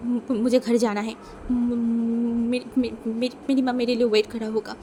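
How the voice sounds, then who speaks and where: A woman voicing a hurt, furious young man shouting back. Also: a little high, little pitch movement, measured pace, slight background noise, lightly acted. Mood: scared stammering. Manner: shouting, pleading, stammers when scared.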